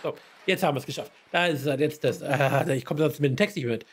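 A man's voice: fairly high pitch, quick pace, husky. A man streaming a game, chatting casually, muttering to himself and greeting viewers. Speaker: let's play streamer. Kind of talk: casual gameplay commentary.

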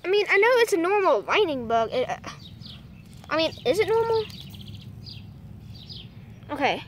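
Young woman, high voice, hesitant and rambling, handheld phone outdoors, faint birds. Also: big pitch swings, normal speed, slight background noise. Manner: rambling, hesitant, full of "like" and "I mean". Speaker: nature vlogger. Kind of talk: casual outdoor vlog. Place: outdoors in a backyard. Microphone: handheld phone camera. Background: birds chirping faintly.

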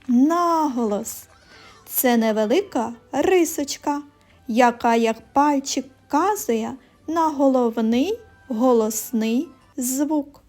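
A woman teaching a phonics lesson to young children, explaining sounds slowly and clearly in a sing-song way. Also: high-pitched, a little mellow. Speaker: primary school teacher.

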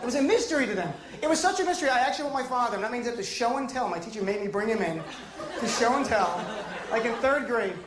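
Fast-talking New comedian on stage. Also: male voice, very high-pitched, background noise. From New Jersey. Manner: animated storytelling with voiced impressions. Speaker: stand-up comedian. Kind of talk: stand-up comedy routine. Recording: echoey club with loud crowd laughter.

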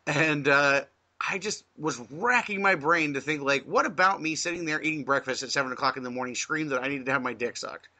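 A man's voice: a little high, fairly quick, sharp tone. A man co-hosting a podcast, telling a rambling story in casual chat and laughing often. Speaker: podcast co-host.

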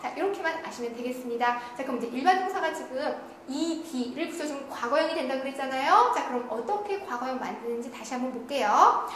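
Female grammar teacher with a high voice and a heavy room echo who asks and answers her own questions. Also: expressive, quick pace, a bit bright. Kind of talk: online grammar lecture. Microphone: studio lecture recording. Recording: very echoey room with faint noise.

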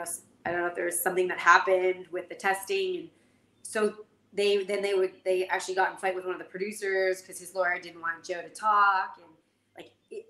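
A woman in her forties from Canada, a jockey guest telling stories in an animated, casual way full of fillers. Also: mid-range voice. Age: 40s. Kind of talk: casual interview storytelling. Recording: echoey room, faint noise.

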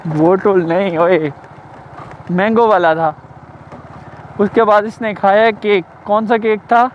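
Casting: young Saraiki-accented man, high voice, playful teasing vlogger, muffled bike-cam audio with faint traffic. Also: fairly even intonation, takes it slowly. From Pakistan. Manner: teasing, repeats himself, calls out loudly. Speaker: motovlogger. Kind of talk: casual vlog chat. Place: riding a motorbike outdoors in town.

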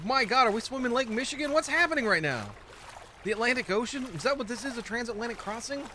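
A young man hosting a gaming video, talking casually and excitably as he plays and reacts. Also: very high-pitched, quick pace, background noise. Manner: excitable, jokey, exclaims often. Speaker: gaming channel host. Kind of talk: let's play commentary.

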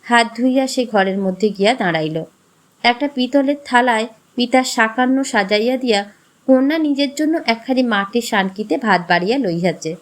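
A woman storyteller giving an expressive, measured scripted narration of a classic short story. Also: on the high side.

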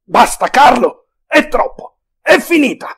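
A man reading aloud, voicing a young soldier who shouts in despair and later fades to a faint, broken voice. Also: medium pitch, normal speed, gravelly, husky. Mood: desperate shouting. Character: young male soldier, desperate then dying.

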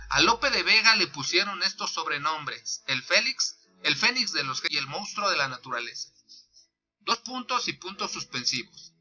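A man with a Mexican accent teaching a punctuation lesson, reading examples slowly and naming each punctuation mark aloud. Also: a little high, bright, forceful tone. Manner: slow, deliberate dictation of examples with punctuation named aloud; thinks aloud with restarts and fillers.

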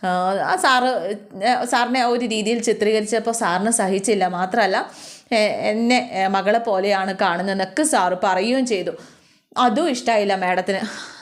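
A woman voicing a humble young maid who speaks softly and politely to her employers. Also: mid-range voice, moderate pace, lightly acted. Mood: explaining. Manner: soft, polite, deferential.

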